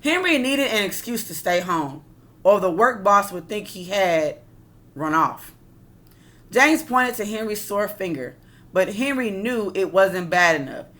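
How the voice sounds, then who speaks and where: Reading a picture book aloud the way a teacher would, a woman speaks expressively in a lowish, bright, forceful voice. She drops in casual asides to explain things and quiz her listeners.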